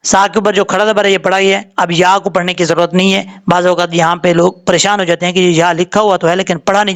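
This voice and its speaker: A man's voice: high-pitched, a bit bright. Guy, patiently going over quran reading rules letter by letter. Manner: patient, explains rules step by step, then recites slowly drawn out. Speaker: Quran recitation teacher. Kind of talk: tajweed lesson, spelling out letters and vowels.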